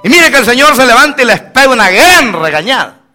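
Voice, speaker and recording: An animated male pastor delivers a sermon in a high, bright voice that swings widely up and down. Faint music plays underneath. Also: fast. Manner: preaches with rising bursts and dropping asides, addressing listeners as brother. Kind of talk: lively sermon with anecdotes.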